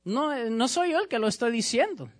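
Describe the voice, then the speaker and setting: A man's voice: extremely high pitch, expressive, fairly quick. A man preaching a sermon as pastor, emphatic and repetitive, speaking directly to his congregation.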